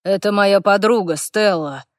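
A woman's voice: mid-range voice, measured pace, no room sound, lightly acted. A male dragon in human guise, short-tempered and worn out by his companions, as a woman narrator voices him. He answers in brusque, clipped retorts. Close, dry audiobook reading. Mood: exasperated. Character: male dragon in human form, gruff and exasperated. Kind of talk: audiobook character voice.

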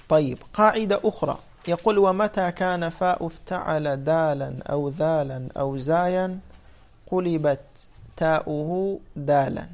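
A man's voice: a little high, darkish tone. A man giving a classroom explanation, often asking students whether they follow and then answering his own questions. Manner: asks the class questions and answers them himself; repeats points slowly and emphatically. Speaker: teacher of Arabic morphology.

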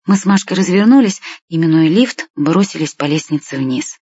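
A woman narrating a first-person story in a plain, steady way as an audiobook reader. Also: on the low side, normal speed, breathy edge, no echo, highs cut off.

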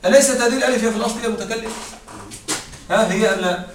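Guy teaching grammar, high pitched, keeps checking if ppl follow, echoey room, faint hiss in the background. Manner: explains step by step, often checks understanding; slows down to dictate parsing phrases. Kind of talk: Arabic grammar lesson. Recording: echoey room, distant mic, faint noise.

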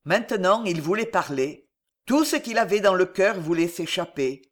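A man reading a classic novel aloud as an audiobook, measured and expressive with dramatic pauses. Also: high voice. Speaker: audiobook reader.

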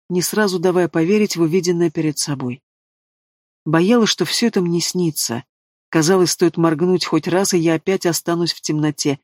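A man reading a fantasy novel aloud in a steady, expressive narration. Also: fairly high pitch, no room sound, studio quality. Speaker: audiobook reader.

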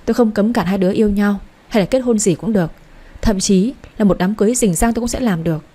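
Woman doing a cold rich mom, bossy, warm husky voice. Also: mid-range voice, quick pace, natural voice. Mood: angry. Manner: curt, commanding, impatient. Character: stern wealthy older mother, domineering.

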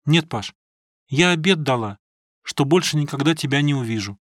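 A man reading an audiobook, voicing a gentle, sad young village woman who speaks softly and tenderly. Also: low voice, animated, normal speed, no echo, studio quality. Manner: soft, tender, consoling.

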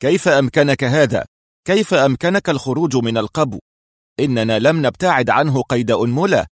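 A man voicing gruff, harsh male prison guards who bark and shout in a dramatic audiobook. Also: medium pitch, expressive, fairly quick, no room sound, studio quality, close to an everyday voice. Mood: alarmed.

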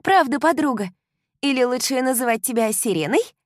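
A loud, excitable young woman, as a female reader puts her on, her voice jumping far above the narrator's. She exclaims breathlessly, close and dry, with no room around her. Think storybook best friend, all gush and insistence. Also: sits high, normal speed, no room sound, pitched above the performer's own voice. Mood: excited. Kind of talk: audiobook character voice.

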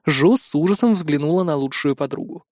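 Male audiobook narrator, plain even delivery, dry close-miked read. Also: fairly high pitch, fairly quick, no echo. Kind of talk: scripted narration.

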